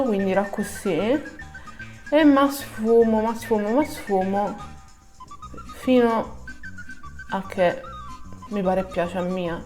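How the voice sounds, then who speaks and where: Female tutorial host, southern Italian Sicilian dialect, colloquial and repetitive for emphasis, medium pitch, music underneath. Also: darkish tone. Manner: colloquial, repeats words for emphasis. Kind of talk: casual step-by-step makeup tutorial in Sicilian dialect.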